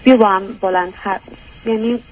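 A woman's voice: mid-range voice, steady tone, lo-fi sound, slight background noise. A young woman calling a radio advice show, speaking hesitantly and searching for words as she explains her problem. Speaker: caller. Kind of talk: call-in advice talk.

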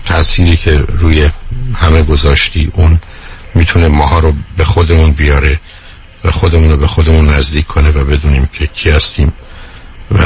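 A middle-aged man hosting a radio call-in show, gently reassuring a caller. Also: rumbling low, a little hiss or hum. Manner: gentle, reassuring, affectionate address. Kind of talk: live radio call-in talk.

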